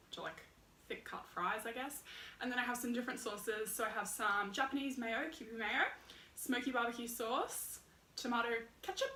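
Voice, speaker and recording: Chatty young woman vlogger, bright projected voice, camera set back in a roomy space. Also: fairly high pitch, slight background noise. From Australia. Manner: chatty and excitable, says she is projecting her voice. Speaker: mukbang vlogger. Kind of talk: casual eating-show chat to camera. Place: hot room at home, indoors. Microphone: camera set far away. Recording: echoey room, camera at a distance.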